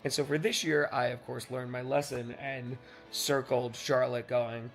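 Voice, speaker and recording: A man's voice: medium pitch, level tone, a little slow. A man narrating his travel vlog in a casual, joking, self-deprecating way. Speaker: vlogger recapping a fundraising tour. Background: background music.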